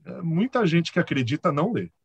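A Brazilian man chats as a guest, his voice pitched a little high and swinging widely as he tells stories. He has a husky edge and keeps dropping little tag questions. The sound is dry and close. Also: a little fast, no room sound, lo-fi sound. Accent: Brazilian Portuguese. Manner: animated storyteller, chuckles often, many filler tags. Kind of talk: casual conversation.

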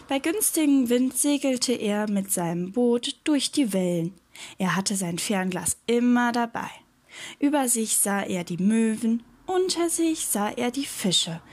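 Slow, gentle woman reading a children's story. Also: on the high side.

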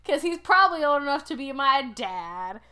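A young woman in her twenties tells stories in casual chat, with a fairly high voice. She laughs often and keeps the talk loose and chatty. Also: very animated, moderate pace, pushed and bright. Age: 20s.

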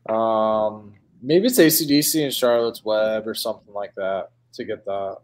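A man's voice: fairly low pitch, normal speed. Rambling Midwestern guy, casual chat. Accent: Midwestern American. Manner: rambling, filler-heavy, calls people dude and man.

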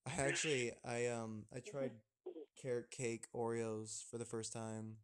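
A man co-hosting a casual podcast, relaxed and chatty, laughing often and restarting his sentences. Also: medium pitch, measured pace, clean tone. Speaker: podcast co-host. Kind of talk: casual chat.

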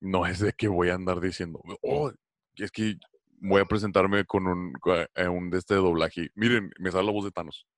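A man interviewing a guest, talking casually in a relaxed, joking way. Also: low voice, normal speed, no room sound, clean studio sound. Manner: relaxed, joking, many fillers. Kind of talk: casual conversation.

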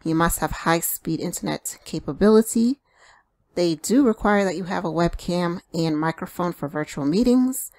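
Low-voiced woman pitching a work-from-home opportunity. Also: animated, moderate pace, darkish tone, dry recording. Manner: plain explanatory, addressing viewers directly. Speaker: video host presenting job openings.

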